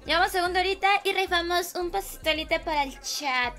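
A woman with a very high, bright voice, hoarse from losing it, chatting late at night on a gaming livestream. She greets her viewers one by one, warm and affectionate, blowing them kisses. Faint music plays behind her. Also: fairly quick. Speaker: livestream gamer host.

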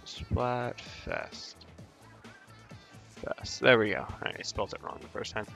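A man's voice: fairly low pitch, huge pitch swings, unhurried, gravelly, pushed and bright, faint music behind. A man hosting a gaming channel, talking through gameplay in casual, rambling commentary with many hesitations and fillers.

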